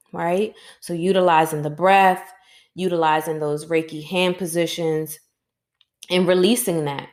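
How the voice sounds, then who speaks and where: A woman podcast host and Reiki teacher, guiding listeners through slow breathing and then giving an encouraging talk. She often ends her sentences with "right?" and gets more emphatic as she encourages. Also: on the low side. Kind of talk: guided breathing exercise and motivational talk.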